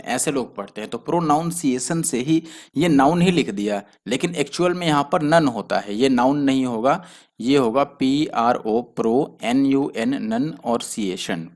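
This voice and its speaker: A man teaching a spelling lesson for exam students, who explains patiently and spells words out letter by letter. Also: mid-range voice. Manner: explains patiently, spells letters out slowly, often adds "theek hai". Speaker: exam prep tutor.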